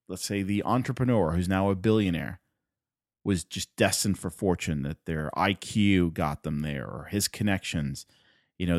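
A Puerto Rican man whose first language is Spanish hosts a motivational solo podcast, speaking earnestly and emphatically and repeating points to drive them home. His voice is fairly low, captured with clean studio sound and no room sound.

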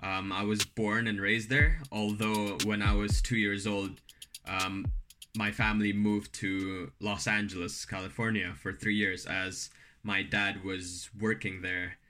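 A man's voice: lowish voice, level tone, unhurried, over music. A man from Indonesia, a podcast guest, reminiscing in an easygoing way with many fillers. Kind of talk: casual conversation.

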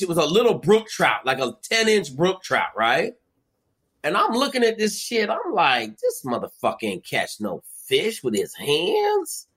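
A male football coach swapping stories as a guest. His voice sits fairly high and jumps around a lot. He is profane and punchy throughout. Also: pushed and bright. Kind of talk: casual storytelling.

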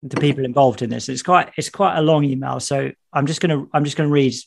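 A man's voice: mid-range voice, fairly even intonation, fast talker, creaky. A man hosting a casual church chat show, joking and reading texts aloud with playful emphasis. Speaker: podcast host.

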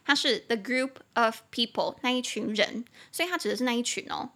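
A young woman with a Taiwanese Mandarin accent hosting a casual podcast lesson, spelling English words slowly and adding chatty asides. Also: on the high side, fairly bright tone. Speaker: podcast host teaching English.

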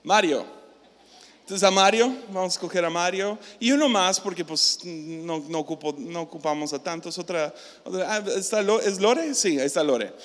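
Lively, high-voiced preacher in a hall. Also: male voice, moderate pace. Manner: lively, jokey, interacts with the audience. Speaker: youth pastor. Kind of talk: casual youth sermon. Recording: hall reverb.

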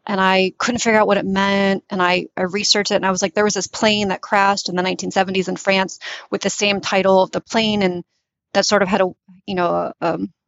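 A woman's voice: medium pitch, level tone, a little fast, vocal fry, fairly bright tone, no echo. A woman, a literary translator speaking thoughtfully in an interview, often restarting to find the right words. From born in Tunisia, raised in the US. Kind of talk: reflective interview talk. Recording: dull lo-fi dry recording.

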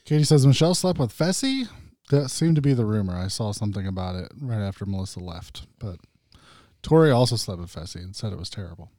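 A man's voice: on the low side, lively intonation, fast talker, warm tone, dry recording, studio quality. A man co-hosting a casual podcast, tossing in wry, crude asides about the show. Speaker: podcast co-host. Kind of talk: casual chat.

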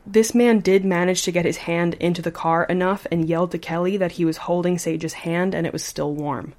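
A woman's voice: lowish voice, fairly quick. A woman hosting a podcast, telling a true story in a casual, chatty way and sometimes adding "like.". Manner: animated, chatty, says like often.

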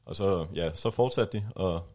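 Deep-voiced man chatting casually. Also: darkish tone. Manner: hesitant, many fillers and laughs. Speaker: music presenter. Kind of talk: casual radio chat.

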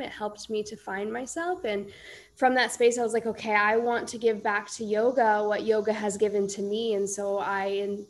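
A woman in her thirties from Iowa, a yoga teacher and coach, answering interview questions in a calm, measured way. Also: mid-range voice. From Iowa, United States.

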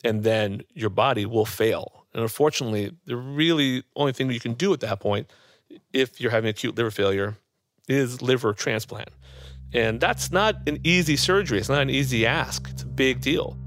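A man who is a medical expert, answering interview questions in a measured, explanatory way. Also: medium pitch, fairly bright tone, no echo, studio quality.

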